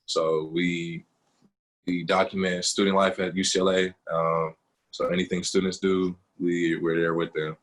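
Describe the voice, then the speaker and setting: A young man with a deep, husky voice talks casually as an interview guest. He tells stories with lots of "like" and "um", and he lifts his voice as his stories get going. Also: measured pace, low-quality recording. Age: young adult. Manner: animated storytelling with lots of fillers. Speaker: guest photographer.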